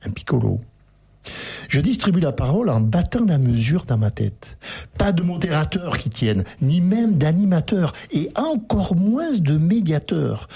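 A man hosting a radio book interview, reading passages aloud with animated emphasis. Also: fairly high pitch, vocal fry, husky. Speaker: radio host.

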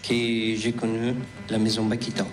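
A man in his thirties from Afghanistan with an Afghan accent, reading a prepared testimony slowly and haltingly with restarts. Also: lowish voice, monotone, music in the background, low-quality recording. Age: 30s. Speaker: refugee giving testimony.

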